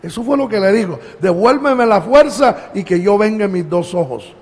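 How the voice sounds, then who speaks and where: A pastor from Colombia preaching a sermon, with emphatic rises and drawn-out phrase endings. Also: male voice, high-pitched, animated, darkish tone. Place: church. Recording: long church hall reverb.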